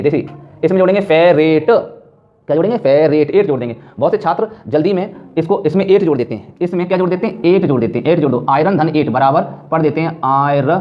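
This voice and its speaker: A male chemistry teacher giving a classroom-style lecture, repeating points and asking and answering his own questions. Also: a little high. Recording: dull lo-fi sound.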